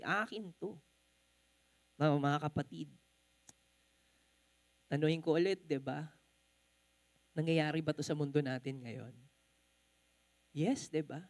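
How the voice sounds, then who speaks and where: Woman, Filipino accent, sermon, lively rising and falling pitch, dry close sound. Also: no room sound. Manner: animated, mixing Tagalog and English, acting out quotes. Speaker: preacher.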